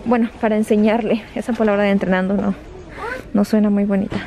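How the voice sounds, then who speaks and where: A young female vlogger, recording herself on a handheld camera in a large store, shops while casually talking to viewers and her children. Her mid-range voice is dark in tone, delivered flatly and at a quick pace. Background noise from the store is constant.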